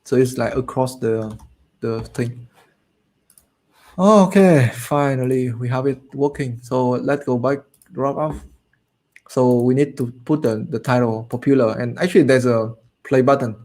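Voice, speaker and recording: Here a male coding tutorial host whose first language is Vietnamese talks through his code as he types, murmuring to himself and dropping frequent fillers in a relaxed live session. His tone is darkish, and his voice has worn low and weary.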